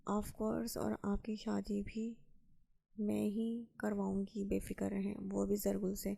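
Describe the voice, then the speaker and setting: A woman's voice: mid-range voice, monotone, creaky, dark tone. A woman reading aloud and voicing a bold, talkative young woman who speaks in a sassy, outspoken way. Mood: chatty. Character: lively chatty young woman, bold and cheeky.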